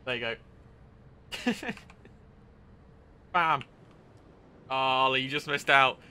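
A man's voice: medium pitch, fairly even intonation, slow pace, sharp tone, clean tone. Upbeat man streaming a train game. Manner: upbeat, chatty, with sound-effect exclamations. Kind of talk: casual gameplay commentary.

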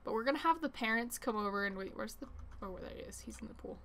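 Talking fast in a slightly high, sharp, expressive voice, this young woman gives casual commentary while playing a life-simulation game for her let's play. She rambles along and keeps reacting with surprise.

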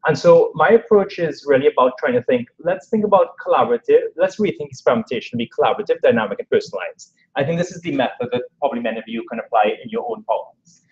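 Lively Trinidadian man lecturing. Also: mid-range voice, quick pace, a little hiss or hum. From Trinidad and Tobago. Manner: lively explanatory talk with frequent "you know" and "kind of". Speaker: assistant professor giving a research talk. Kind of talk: academic workshop talk. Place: lecture room at a workshop. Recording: dull lo-fi lecture recording.

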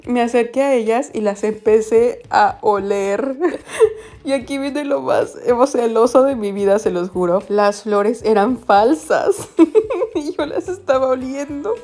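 A woman's voice: a little high, a little slow, darkish tone. A young woman with a Mexican Spanish accent, chatting to her viewers in a casual vlog as she walks around town, telling stories with lots of giggles and exclamations. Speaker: vlogger. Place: walking around a quiet town center, then a café.

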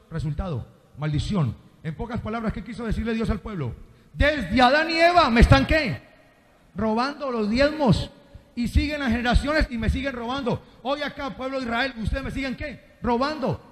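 A man preaching a sermon, constantly quizzing the congregation with call-and-response questions. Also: very high-pitched. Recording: reverberant hall.

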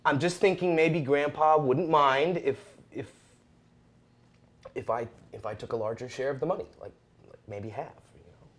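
A man's voice: medium pitch, normal speed, close to an everyday voice. An actor in his thirties playing Richard, a broke, anxious cousin who stammers and pleads, recorded indoors in a house. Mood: pleading. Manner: hesitant, stammering, then pleading. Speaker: actor in a short film. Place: house basement and kitchen, indoors.

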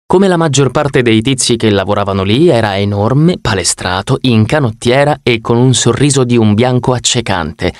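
A male audiobook narrator reads in the first person with a wry storytelling touch. His voice sits at a middle pitch. The studio sound is close and dry. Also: lively intonation, moderate pace, hardly any pauses, no echo.

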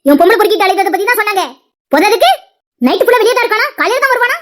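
A sharp-tongued young wife from a cartoon, taunting and picking fights in a Tirunelveli Tamil accent, as a woman acts her out. Her voice is very high and shrill, and she fires off her words at a breakneck pace. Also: expressive, racing. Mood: quarrelsome. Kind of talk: cartoon dialogue acting.

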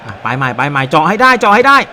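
A man giving excited, animated play-by-play commentary on a football video game, with frequent exclamations and a Thai accent. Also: high voice, racing, slight background noise. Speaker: gaming YouTuber.

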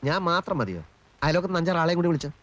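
A self-assured young lawyer. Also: male voice, a little high. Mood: sarcastic. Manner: calm, measured, gently sarcastic. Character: confident young male lawyer, dry wit. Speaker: actor. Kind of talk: film acting.

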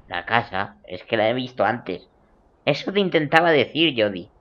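A man, doing let's play commentary over a video game, jokey and swearing, muttering then suddenly shouting. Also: mid-range voice, big pitch swings, moderate pace, dull audio, a little hiss or hum. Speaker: gaming video creator.

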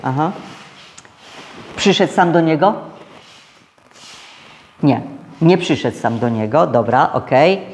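A male pastor delivering a casual, conversational sermon, speaking right to his listeners. His voice sits slightly high for a man. It rings with the long reverb of a church hall. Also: lively intonation, slow, long pauses. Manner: conversational preaching, addresses the congregation directly; acts out quoted voices higher and louder.

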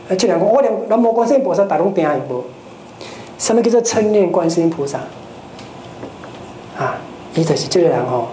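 Buddhist teacher giving a dharma talk, mellow voice, echoey hall, little bit of hiss. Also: mid-range voice. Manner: lively, rhetorical questions to the audience. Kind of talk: dharma lecture. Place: lecture hall of a Buddhist society. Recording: roomy hall with faint noise.

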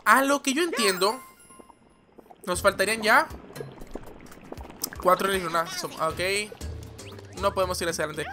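Excitable man shouting over gameplay. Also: high-pitched, measured pace, pauses often. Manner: excitable, rambling, shouts at the game. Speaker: gaming channel host. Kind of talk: let's-play gameplay commentary. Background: game music.

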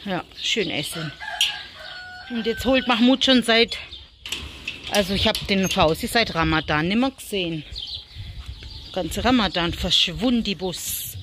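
A woman's voice: mid-range voice, animated, a little slow, pauses often. A German woman vlogging casually on a small farm, chatting and cooing at her animals and kids. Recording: faint farmyard noise, chickens.

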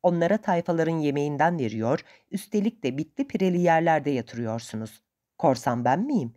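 A woman voicing a greedy, sharp-tongued male boatman who answers back in quick, defiant retorts. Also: sits low, animated.

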